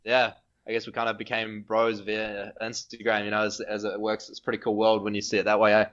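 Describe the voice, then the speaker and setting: A man's voice: fairly low pitch, monotone, a little fast, a bit bright, lo-fi sound. A man with a New Zealand accent, a podcast guest chatting casually in a laid-back, slangy way. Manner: laid-back slangy talk, says bro and eh. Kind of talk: casual chat.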